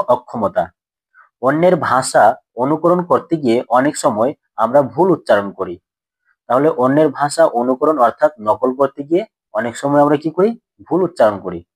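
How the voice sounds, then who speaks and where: A man's voice: mid-range voice, breathy edge, dry recording, rough recording. A man teaching a grammar lesson to school students, who poses questions and answers them himself and repeats the key points.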